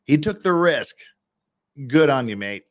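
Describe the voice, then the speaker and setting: Man with very lively, swinging pitch. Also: a little slow. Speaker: host reviewing trial footage. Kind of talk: casual live commentary.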